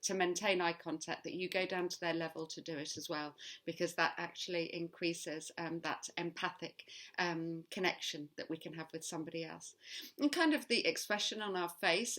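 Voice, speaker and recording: A woman with a fairly low voice co-presents a wellbeing lesson. She explains each tip thoughtfully and at length, pausing often on ums. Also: a bit bright.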